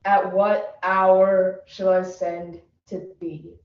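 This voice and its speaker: A young woman performing a meek male assistant who mumbles low and deferentially, heard in an echoey room from a distant mic. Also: little pitch movement, very slow, dull audio.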